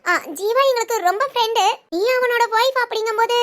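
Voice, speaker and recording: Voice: very high voice, quick pace, a bit bright. A performer voicing an earnest young woman friend who keeps coaxing with persistent questions.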